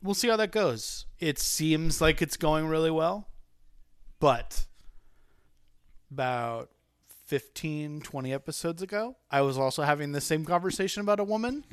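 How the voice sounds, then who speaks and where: Male podcast host, medium pitch, rambling casual chat, dry close sound. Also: normal speed, clear, resonant tone, no room sound. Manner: rambling, self-interrupting, animated.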